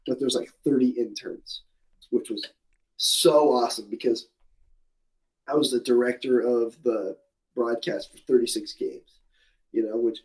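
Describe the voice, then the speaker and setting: Guest, man in his twenties, casual and chatty, rambling storyteller, mid-pitched voice. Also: fairly even intonation, measured pace, long pauses, low-quality recording. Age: 20s. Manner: rambling, many restarts and fillers, laughs at himself. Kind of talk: casual interview.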